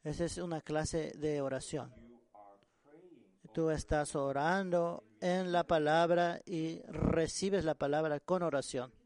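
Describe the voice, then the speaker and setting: A man preaching a sermon on prayer, earnest and halting, often repeating and restarting words. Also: on the high side, steady tone, a little mellow.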